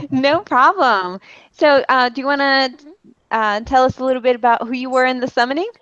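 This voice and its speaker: A woman's voice: high voice, normal speed, fairly bright tone, no room sound. A woman hosting an online Q&A, upbeat and laughing often. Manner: giggly, upbeat. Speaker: host. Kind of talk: moderating an online Q&A. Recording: dull, dry lo-fi audio.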